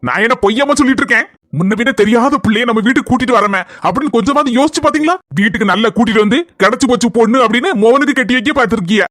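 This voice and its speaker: A man's voice: very high voice, rapid-fire, a bit bright, dry recording, studio quality. A man voicing a stern, lecturing police officer in a cartoon, with a Kanyakumari Tamil accent and a scolding, explanatory way of talking. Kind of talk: cartoon dialogue.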